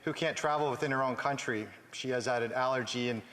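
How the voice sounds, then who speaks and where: A man's voice: medium pitch, fast talker, a bit bright. A man with a Canadian English accent giving an earnest parliamentary speech as a member of parliament, stressing points in short phrases. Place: large indoor legislative chamber. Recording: echoey chamber with long reverb.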